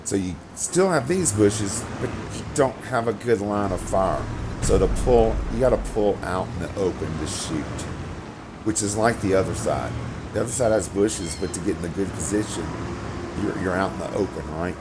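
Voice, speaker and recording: A middle-aged man hosts a gaming video from a room at home, speaking at normal speed in a low, crackly, gravelly voice. His casual commentary rambles, he repeats words, and he swears when annoyed.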